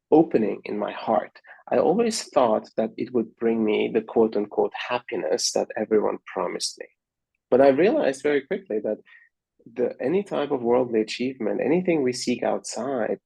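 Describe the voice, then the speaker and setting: A man from Austria, a guest on an interview show, telling his story in an earnest, measured and searching way. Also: mid-range voice, gravelly, dark tone, husky, dry recording, poor audio.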